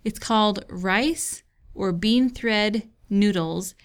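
A woman's voice: medium pitch, slow, smooth. A woman hosting a hiking podcast with a playful, teasing edge. She walks through her segments step by step in a chatty, conversational way. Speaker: podcast co-host. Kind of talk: casual chat and show segments.

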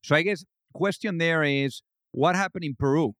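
A man's voice: on the high side, moderate pace, a bit bright, dry recording, studio quality. A man hosting an interview podcast, reading an ad and welcoming his guest with upbeat enthusiasm. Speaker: podcast host.

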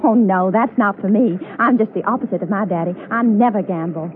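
An actress playing a naive, chatty young woman tourist who gets flustered, in 1930s film dialogue, halting and earnest. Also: mid-range voice, natural voice. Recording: tinny, hissy old film soundtrack.

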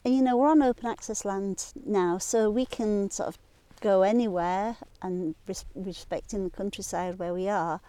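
A middle-aged woman from Sheffield, England, with a Yorkshire accent and a dark, medium-pitched voice, chats as a guest on an open hillside. In this casual outdoor conversation she unhurriedly describes the landscape around her, pointing out its features.

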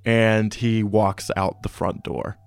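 Brief: low-pitched male game master and host, dry close recording, faint music behind. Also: flat delivery, slow, creaky, clean tone, dry recording. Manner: descriptive storytelling with some restarts. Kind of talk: narrating a tabletop game.

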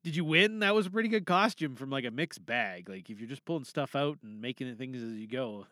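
With a sharp tone and lively intonation, this man talks fairly quickly in a mid-range voice. He's a podcast host offering feedback to other podcasters, rambling informally about films and frequently rewording or trailing off partway through sentences. The sound is dry, with studio quality.

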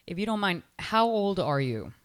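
A woman in her forties hosting a podcast, chatting effusively with her guests and throwing in quick asides. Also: mid-range voice, sing-song. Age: 40s. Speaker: podcast host. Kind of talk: casual interview. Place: Miami.

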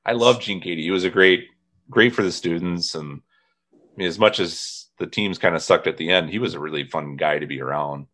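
Low-voiced man telling stories. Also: a little fast, a bit bright. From northern Indiana. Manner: storytelling, quoting others with laughs. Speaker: podcast host. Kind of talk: casual chat.

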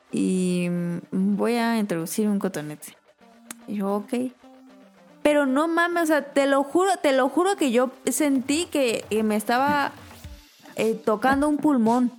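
A Mexican woman co-hosting a podcast, telling a story in animated, slang-heavy casual chat. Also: fairly high pitch. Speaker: podcast co-host.

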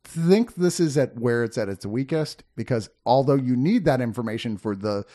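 A man's voice: medium pitch, lively intonation, normal speed, dark tone. A man co-hosting a casual film review podcast, talking in a joking, profane way. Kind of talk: casual chat.

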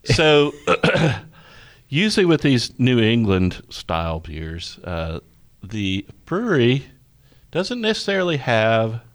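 A man's voice: medium pitch, sing-song, slow pace. A man who is an expert brewer, talking in casual chat, blunt and opinionated with dry jokes. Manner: opinionated, blunt, dryly joking.

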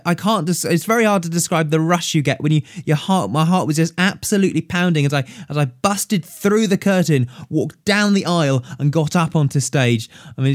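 A man's voice: on the high side, dry recording, studio quality. Posh-voiced man telling comedy stories. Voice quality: posh-sounding voice. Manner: chatty, self-deprecating, laughs often. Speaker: podcast host and comedian. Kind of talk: casual storytelling narration.

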